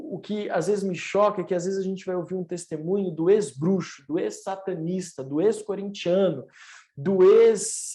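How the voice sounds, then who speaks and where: Speaking for an online church service, a man in his thirties who serves as a pastor gives his testimony. His high, warm voice is earnest and preacherly, building with rising emphasis.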